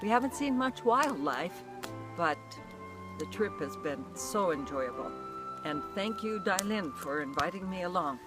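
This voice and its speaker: Older woman hiker, slow and grateful, music in the background. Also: lowish voice, lively intonation. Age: 60s. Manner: slow, warm, appreciative. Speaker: hiking companion being interviewed. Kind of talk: casual on-camera chat. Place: outdoors on a mountain trail.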